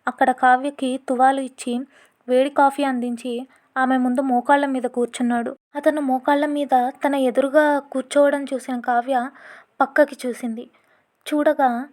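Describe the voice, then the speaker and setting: A woman narrating a dramatic audio story in a steady, scripted reading. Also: sits high, normal speed.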